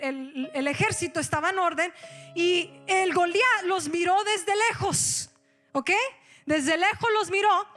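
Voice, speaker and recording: Woman pastor, animated sermon delivery, code-switches, high-pitched. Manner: animated, switches into English, directs the congregation.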